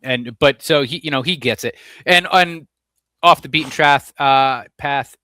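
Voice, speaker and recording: A man co-hosting a sports podcast, chatting casually in an upbeat way with quick agreeing interjections. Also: mid-range voice, sharp tone, clear, resonant tone. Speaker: podcast co-host.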